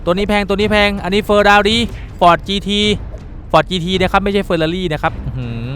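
A young man giving playful, teasing Let's Play commentary as a gaming YouTuber, breaking into excited shouts. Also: sits high, moderate pace, slight background noise.

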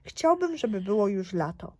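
Storybook part: a complaining little boy, as a woman reads him, a bit higher when he whines. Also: very animated, normal speed, a little mellow, dry recording. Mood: whiny. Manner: complaining, read aloud from a storybook.

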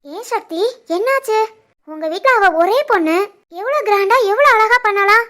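A woman voicing a gentle, caring young daughter-in-law in an animated family story. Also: very high voice, normal speed, full character voice.

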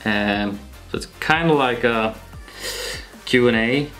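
A young man with a Swedish accent, talking slowly and casually to camera in a home vlog, with many pauses and fillers. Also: mid-range voice, faint music behind. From Sweden. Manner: slow and relaxed, with frequent pauses and fillers. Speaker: YouTuber. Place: small home room with shelves, indoors. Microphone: camera-mounted shotgun mic.

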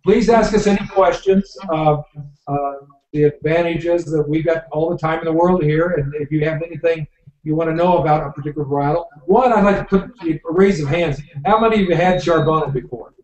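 Brisk and slightly high, with a darkish tone, the older winery owner talks at length, leaning on fillers as he hosts a live tasting over video call. He's in his home office, and the distant webcam yields dull, echoey audio.

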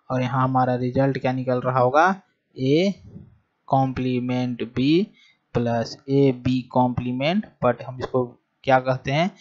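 A male teacher giving a lesson, dictating definitions word by word and often checking that students follow. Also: medium pitch. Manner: dictates definitions slowly word by word, repeating phrases; checks understanding with frequent "ठीक है" and "समझ में आया". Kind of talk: whiteboard lesson on logic gates. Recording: dull lo-fi recording.

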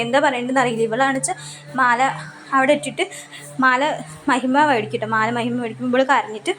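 A woman chattily retelling a TV serial episode to her listeners, often adding a tag question for them. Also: high-pitched.

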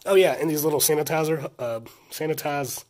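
A man in his thirties, congested from a sinus infection, casually shows off a haul indoors in a vlog. His voice is on the high side, fairly even and a little mellow, a bit fast; he's chatty, easily impressed and drifts into a rant.

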